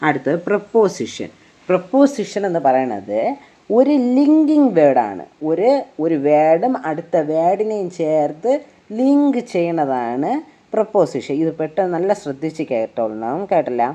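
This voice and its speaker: A woman teaches English grammar in Malayalam, explaining slowly and patiently step by step and often asking rhetorically whether the listener has understood. Her voice sits low with a dark tone and big pitch swings. The recording is dull and lo-fi.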